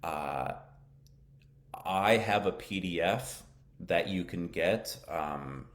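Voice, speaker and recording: Deep-voiced man teaching live. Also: drawn-out words, background noise. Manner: casual, repeats "okay?" to check understanding, mixes in Arabic words. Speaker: English teacher hosting a live lesson. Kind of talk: live-streamed English lesson with viewer questions.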